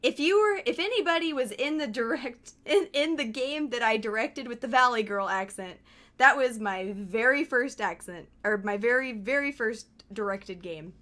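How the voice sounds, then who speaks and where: A woman chats on her live game stream, her voice sitting a little high. She is excitable, laughs often and swears freely as she talks. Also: normal speed. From Texas. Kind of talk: casual live-stream chat.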